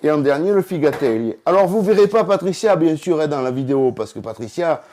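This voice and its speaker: A man with a somewhat high voice hosts a casual cooking vlog from his home kitchen. He chats freely and keeps addressing the viewer directly as he shows each step. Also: expressive, a little fast, dark tone. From southern France. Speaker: cooking video host.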